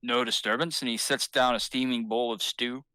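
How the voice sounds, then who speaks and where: Male game master for a tabletop role-play, talks in a rambling way with many fillers, bright and crisp on a dry close mic. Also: medium pitch, little pitch movement, normal speed, no echo. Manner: rambling, hesitant description with fillers.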